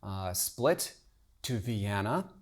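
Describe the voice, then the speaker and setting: A middle-aged man hosting a family travel podcast, telling it in a relaxed way with pauses and fillers. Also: lowish voice. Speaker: podcast host, travel writer. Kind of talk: casual chat.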